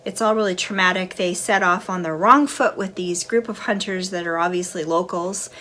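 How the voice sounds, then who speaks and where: A middle-aged woman with a somewhat low voice hosts her own movie review channel. She talks in a relaxed, chatty way, nibbling on snacks between thoughts as she walks through a film's plot. A faint hum of room sound sits behind her. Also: normal speed. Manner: chatty and relaxed, eating snacks while talking. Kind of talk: casual chat and film recap.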